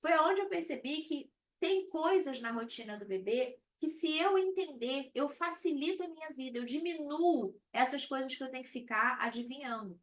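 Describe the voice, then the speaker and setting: A woman's voice: sits high, expressive, normal speed, few pauses. A woman, a baby sleep consultant talking to viewers on a live stream in a conversational way, often checking in with "tá?". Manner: conversational, frequent "tá?" check-ins. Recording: slightly distant mic with faint background noise.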